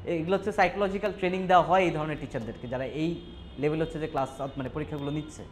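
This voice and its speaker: A man's voice: on the high side, racing, noisy background. A man from Bangladesh teaching an English exam class, often checking whether students understood. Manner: rhetorical check-ins with students. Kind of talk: classroom lecture.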